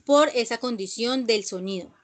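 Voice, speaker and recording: A woman's fairly high voice carries an English grammar lesson. She goes over each rule patiently, repeating herself and checking that the class follows. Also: moderate pace. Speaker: English teacher. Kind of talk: online class explanation.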